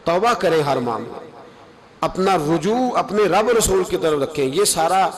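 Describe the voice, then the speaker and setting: High-voiced impassioned man preaching. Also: lively intonation. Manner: impassioned, rises to high emphatic calls. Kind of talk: sermon.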